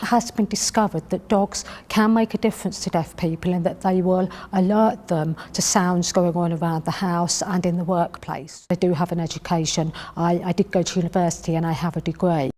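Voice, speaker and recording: A woman's voice: on the low side, steady tone, fairly quick, hardly any pauses, mellow. Matter-of-fact woman in a reverberant room. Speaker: interviewee. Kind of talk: interview.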